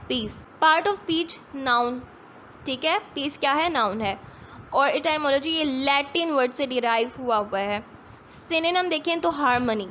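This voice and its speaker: A woman teacher explaining a textbook exercise patiently, step by step, reading English phrases slowly. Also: sits high, fairly bright tone, a little hiss or hum, rough recording. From Pakistan.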